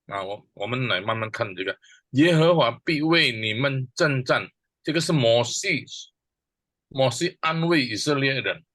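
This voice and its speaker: A man teaching a church Bible class at a slow, deliberate pace, breaking a verse down word by word. He poses questions and answers them himself. His voice is bright and forward, and the recording is dry and close. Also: medium pitch, lively intonation, dry recording. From Indonesia. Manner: slow and deliberate with many pauses. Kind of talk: teaching a Bible verse, mixing two languages.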